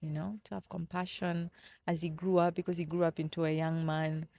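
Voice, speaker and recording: With a lowish, creaky yet warm voice, level in tone and brisk, a woman in her thirties from Kenya recounts personal stories on a podcast. She speaks earnestly and reflectively, repeating words as they come, and the audio has no echo.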